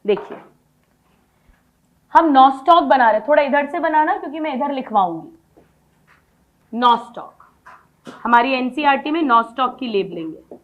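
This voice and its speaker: A woman with a high, bright voice gives a biology lesson. She keeps asking the class questions and answers them herself right away. When she dictates notes she slows down and spells them out word by word. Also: animated, narrow, tinny audio. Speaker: biology teacher.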